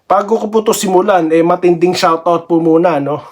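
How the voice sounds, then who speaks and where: A man's voice: sits high, fairly even intonation, brisk. Chatty man vlogging basketball. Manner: chatty, laughs often, peppers sentences with tag questions. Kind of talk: casual sports commentary vlog.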